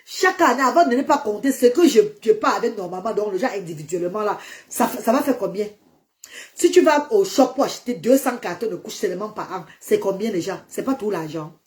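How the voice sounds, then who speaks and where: A woman's voice: mid-range voice, animated, brisk, a little mellow. A woman who runs a charity, talking defiantly to critics on a live social media stream, stressing her points and slipping into English phrases. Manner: defiant, emphatic, slips into English. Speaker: charity founder on a livestream.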